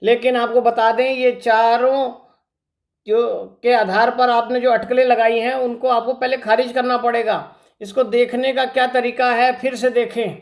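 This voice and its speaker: A man's voice: extremely high pitch, level tone, normal speed. A male teacher giving an exam-prep grammar lesson, explaining step by step and asking rhetorical questions. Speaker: Hindi teacher.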